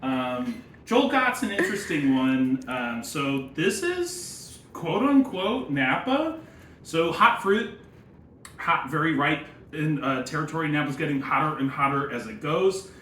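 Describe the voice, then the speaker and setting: A man's voice: a little high, very animated, measured pace, bright, forceful tone. Guy doing sommelier tasting notes, kinda wry and opinionated, lots of jargon, echoey room w a bit of background noise. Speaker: sommelier and presenter. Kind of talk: casual wine tasting commentary.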